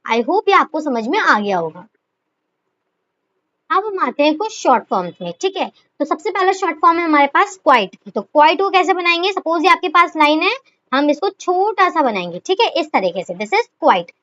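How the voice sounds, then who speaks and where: A woman's voice: high voice, sing-song, normal speed, a bit bright. A woman teaching a shorthand lesson, asking questions and answering them herself, and calling her students fondly as children. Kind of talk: explaining a lesson. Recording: dull lo-fi recording.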